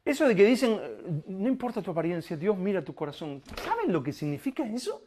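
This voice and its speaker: A man preaching a sermon as pastor, asking rhetorical questions and slowing right down to stress each phrase of scripture. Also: high-pitched, slight background noise. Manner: animated preaching, rhetorical questions, slow emphatic reading of scripture.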